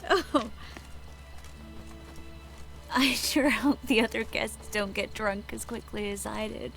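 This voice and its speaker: Unhurried, playful sorceress Triss over music. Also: female voice, on the high side, gravelly, fairly bright tone, heavily acted. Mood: tipsy, flirtatious. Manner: teasing, giggly, coy. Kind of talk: video game dialogue acting.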